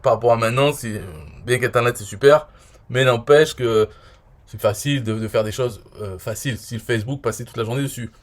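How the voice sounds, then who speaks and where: Talking at length about his own interview, a French online marketer in his forties gives a casual explanation in a steady, medium-pitched, brisk voice. He rambles, peppers his speech with "euh" and "voilà," and often fades off quietly.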